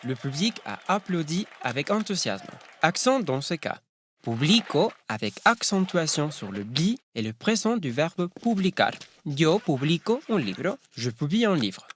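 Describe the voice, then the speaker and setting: A man's voice: fairly high pitch, very animated, normal speed, few pauses, a bit bright, slight background noise. A man from Spain whose first language is Spanish, giving a wry, teasing scripted narration.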